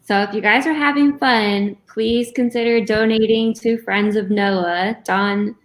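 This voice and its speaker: A woman's voice: fairly high pitch, fairly even intonation, a little slow. A woman co-hosting a live online bingo event, chatting casually with players and her partner.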